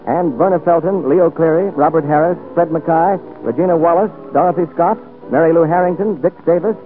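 A man announcing on a scripted 1940s radio show in a formal, measured delivery, heard as an old radio broadcast. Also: on the high side. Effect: old radio broadcast sound. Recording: tinny old radio broadcast, faint music.

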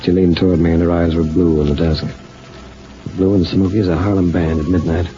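Man acting a stern, low-voiced hard-boiled private eye. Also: little pitch movement, a little fast, warm tone, natural voice. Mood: brooding, wry. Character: hard-boiled, wry, skeptical male private investigator narrating his case. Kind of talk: old-time radio detective drama with first-person narration. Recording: dull, noisy old radio recording.

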